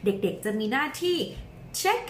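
A woman teaching young children, modelling words slowly for them to repeat and coaxing them along in a sing-song way. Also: echoey room, slight background noise. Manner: slow, drawn-out modelling of words for repetition. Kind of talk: bilingual children's lesson.

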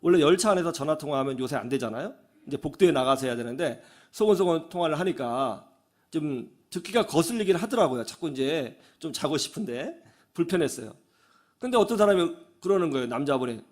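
Animated high-voiced male preacher. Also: fairly quick. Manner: animated storytelling, acts out quoted voices. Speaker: pastor. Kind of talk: radio sermon. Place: radio studio.

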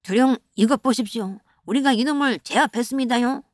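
A woman's voice: a little high, fairly quick, no room sound, clean studio sound, close to an everyday voice. A woman voicing timid male bandit underlings who fawn over their chief, in a comic animation. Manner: nervous, fawning.

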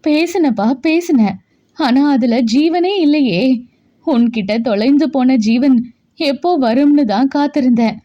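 A woman's voice: high-pitched, measured pace, dark tone, muffled recording. A woman voicing a loving, anxious middle-aged mother who speaks fondly and with worry to her son. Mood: fond, worried. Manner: fond, worried.

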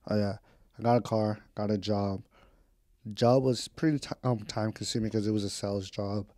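In a relaxed podcast recorded at home, a man in his twenties chats with his audience, candid and rambling, changing subjects freely with slang and the occasional swear. The fairly low, darkish voice holds a steady tone at a moderate pace. Clean studio recording, no echo.

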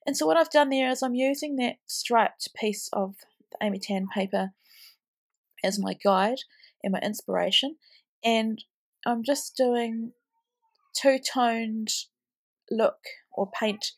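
A tired, heavily pregnant woman in her thirties narrates her scrapbooking as a vlogger in a casual craft voice-over, her nose blocked and snuffly from a cold. Her voice is a little high and she talks slowly with long pauses, chatty and rambling with plenty of ums.

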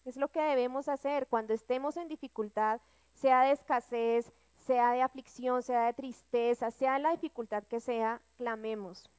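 A woman's voice: on the high side, steady tone, normal speed, darkish tone, smooth. A woman sharing with her church prayer group, reading scripture aloud and speaking with earnest emphasis. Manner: earnest, rising to emphatic cries when reading.

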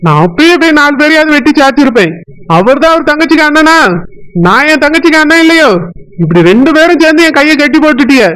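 A man's voice: very high-pitched, lively intonation, quick pace, a bit bright, poor audio. A man voicing a hot-headed, protective village brother in a cartoon, boastful and threatening in a Tirunelveli Tamil accent. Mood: angry. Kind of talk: cartoon voice acting.

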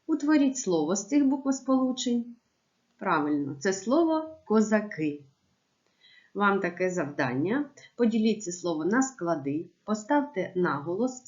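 A woman teacher giving a remote lesson to young pupils, with clear, measured instructions. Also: fairly low pitch, darkish tone, lo-fi sound. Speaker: primary school teacher.

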